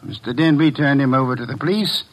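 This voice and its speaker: Speaking in formal, pedantic, deliberate phrases, a man plays a pompous, imperious fat detective in an old radio drama. His natural, medium-pitched voice carries an imperious, dry mood.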